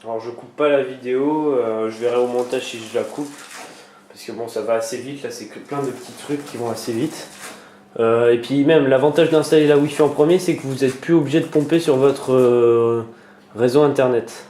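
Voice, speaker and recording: A man walks viewers through a computer tutorial, stopping often for fillers and restarts. His voice is mellow and dark, at a middle pitch. The room around him echoes, with a faint hiss underneath. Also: steady tone, normal speed. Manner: hesitant, many fillers and restarts. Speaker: tutorial maker. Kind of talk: screen-recorded computer tutorial.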